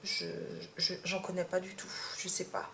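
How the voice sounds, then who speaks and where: A young Martinican woman with a low-leaning, sing-song voice chats to camera at a moderate pace for a casual tag video. She's a vlogger who hesitates a lot, filling pauses and restarting sentences, in her Martinican accent. The room is echoey, with a faint hum in the background.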